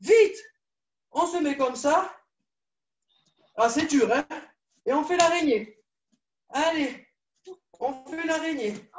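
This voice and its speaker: A woman leading a children's judo class, coaxing and repeating each instruction in a lively way. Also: high-pitched, takes it slowly, long pauses, highs cut off. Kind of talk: live online kids' class, story-led exercises. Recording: echoey room, far from the mic.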